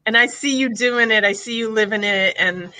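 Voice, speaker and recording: A woman's voice: on the high side, normal speed, bright, forceful tone, no room sound, low-quality recording. A woman hosting a live podcast, enthusiastic and chatty, with lots of "like" fillers. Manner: enthusiastic, filler-heavy, says "like" often. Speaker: podcast host.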